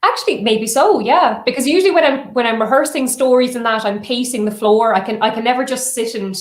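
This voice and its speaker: A woman's voice: fairly high pitch, a little fast. An Irish woman storyteller chatting casually as an interview guest, with a lilting way of speaking. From Ireland. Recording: roomy, echoing sound.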